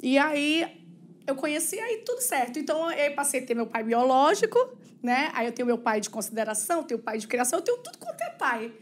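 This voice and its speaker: A high-pitched woman with a Brazilian Portuguese accent, speaking as a podcast guest. Her telling is earnest and emotional, and she slips into the voices of the people she quotes. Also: big pitch swings, brisk, slight background noise. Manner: acts out quoted dialogue. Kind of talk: personal storytelling in a casual interview.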